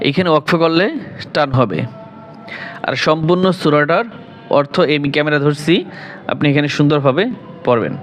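A man with a Bangladeshi Bengali accent teaching Quran reading, spelling out each syllable and then reciting the verses slowly and drawn out. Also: fairly high pitch, soft background music. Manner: slow drawn-out recitation between quick spelling explanations.

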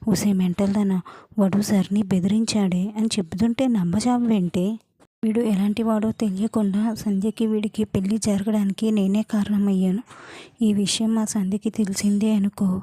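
Scared young office guy, rattled, flat mellow voice, read by a woman narrator in an audiobook. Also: mid-range voice, normal speed, slightly rough, no echo, close to an everyday voice. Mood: exasperated. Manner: panicky, rattled. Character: frightened young man, jittery office worker.

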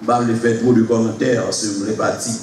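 A pastor preaching a sermon to his congregation, shifting from slow explanation to shouted exclamations and laughter. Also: lowish voice, little pitch movement. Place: large church hall with congregation. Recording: echoey hall, far from mic, congregation noise.

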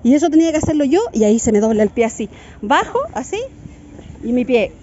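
A woman's voice: fairly high pitch, fast. A middle-aged Chilean woman telling a story in a casual family vlog, with a Chilean accent and a chatty manner. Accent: Chilean Spanish. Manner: chatty, animated storytelling with laughs. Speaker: vlogger mother. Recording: slightly dull phone audio with faint noise.

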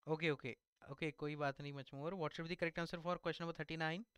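Bright, fast-talking young Indian man tutoring. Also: on the high side, fairly even intonation, smooth, no room sound. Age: young adult. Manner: mixes in Hindi asides, repeats answers. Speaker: online exam tutor. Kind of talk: lesson going through mock test questions. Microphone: headset.

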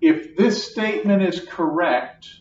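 This older man teaches math at a whiteboard, his high voice carrying lively intonation even as he moves slowly and patiently, repeating each step. The mic sits across the classroom, leaving the sound echoey, distant, and dull.

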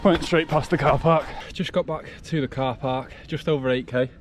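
A man's voice: on the high side, fairly even intonation, normal speed. A man in his twenties with an English accent, chatting casually to his camera while out of breath from running. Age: 20s. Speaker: fitness vlogger. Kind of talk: casual vlog chat. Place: outdoors on a forest trail. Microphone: action camera at arm's length. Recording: noisy outdoor action-camera audio.

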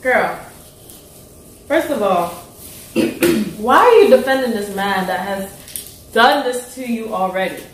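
A woman joining a friend for a casual chat over a meal, blunt and opinionated, often dropping to low asides. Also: animated, slow, long pauses, slight background noise. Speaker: co-host friend. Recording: echoey room, mic far off.

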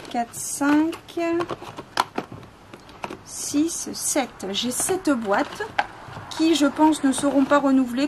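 A woman showing items she sells in a casual video, speaking slowly with many fillers and self-corrections. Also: high-pitched. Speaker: spiritual seller showing items for sale. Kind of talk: casual product show-and-tell. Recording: noisy home recording.

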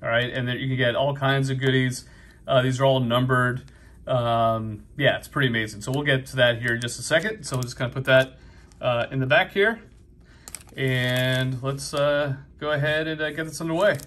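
A man's voice: mid-range voice, steady tone, moderate pace, fairly bright tone. Chatty New England man opening card packs. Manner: chatty, many fillers, upbeat. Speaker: card collecting vlogger. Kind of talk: casual pack-opening commentary. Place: busy convention hall.

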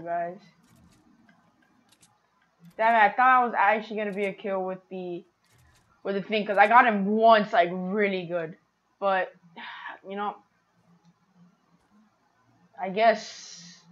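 Excitable woman narrating her gameplay. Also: mid-range voice, lo-fi sound. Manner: chatty, excitable, talks to viewers. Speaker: gaming streamer. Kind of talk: casual gameplay commentary.

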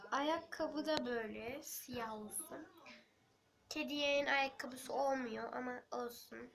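A woman with a sore throat and a nearly gone voice, giving casual let's-play commentary, speaking quietly and often slipping into a half-whisper. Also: high-pitched, slow, vocal fry. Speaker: game channel host.

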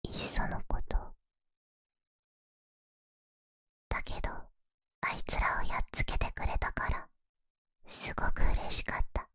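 A woman's voice: normal speed, no echo, studio quality, close to an everyday voice. Woman as a shy whispering animal-eared girl, pillow-talk role-play. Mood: relieved, grateful. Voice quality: breathy whisper. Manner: soft, intimate, hesitant pillow talk. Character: shy, once wary young animal-eared girl, now affectionate. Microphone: close, dry microphone.

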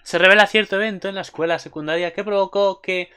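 Young man, excitable anime recapper, crisp and bright, squeals often. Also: quick pace. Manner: gushing, bursts into high squeals and shouts. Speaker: anime commentator.

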